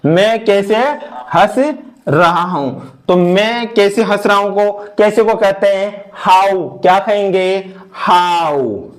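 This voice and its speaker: Slow-talking teacher. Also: male voice, sits high. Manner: slow, repeats each step, mixes English into Hindi. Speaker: English teacher. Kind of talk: online grammar lesson.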